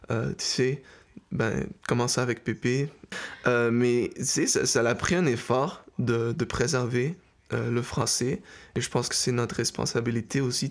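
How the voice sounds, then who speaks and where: A young man from Mexico, half Canadian, answering interview questions casually, with fillers and restarts. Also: medium pitch. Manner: relaxed, hesitant, with fillers. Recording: faint music behind.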